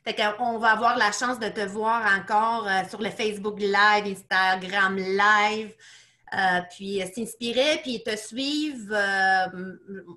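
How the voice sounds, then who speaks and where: A woman's voice: mid-range voice, steady tone, slow, bright, forceful tone. A woman interviewing a guest in a webinar, supportive and a little hesitant with fillers.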